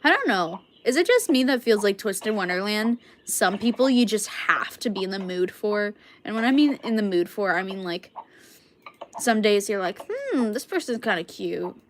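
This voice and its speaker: A woman's voice: mid-range voice, animated, moderate pace. A young woman streamer chatting casually to viewers, rambling with lots of fillers and coughing from a cold. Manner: rambling, filler-heavy, frequent "like". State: sick with a cough. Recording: clicky background noise.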